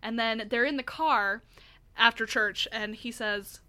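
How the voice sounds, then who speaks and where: A woman's voice: a little high, a little slow, pushed and bright, clear, resonant tone. A woman co-hosting a casual podcast, retelling a video with lots of giggling, still getting over a cough. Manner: giggly, retells stories animatedly. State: lingering cough. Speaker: podcast co-host. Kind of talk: casual chat.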